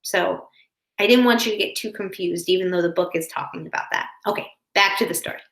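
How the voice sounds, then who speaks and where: A woman teacher reads a picture book aloud to young children, explaining it with simple, careful asides. Her voice is fairly low, gravelly and fairly bright, running a little fast, and the indoor sound is roomy and echoing.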